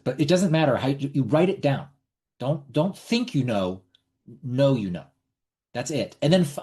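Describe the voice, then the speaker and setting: A man's voice: mid-range voice, mellow. A middle-aged man hosting a casual online trading webinar, talking bluntly with repeats and the odd swear word. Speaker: webinar host.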